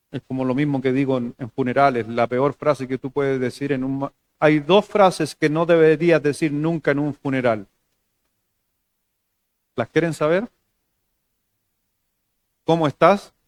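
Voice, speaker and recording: Male pastor, Chilean accent, slightly high voice, chatty sermon delivery with soft asides. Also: no room sound. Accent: Chilean Spanish. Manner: conversational preaching with jokes, shifting between loud emphasis and soft low asides.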